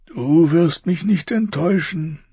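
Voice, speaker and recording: A man voicing a dying, wounded king who speaks in a strained, pained way with loud outbursts. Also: fairly high pitch, a little slow, slightly rough, dry recording, muffled recording, voice pushed up. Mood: pained, bitter. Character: dying wounded male king, gruff and bitter. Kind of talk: audiobook character voice.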